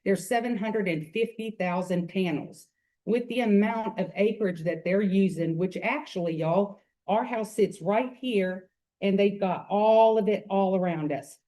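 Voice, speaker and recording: At a hearing, a woman from Memphis, Tennessee, with a Southern US accent, offers earnest public comment that tends to ramble, talking into a podium mic. Her voice is mid-range with a dark tone, and she speaks unhurriedly.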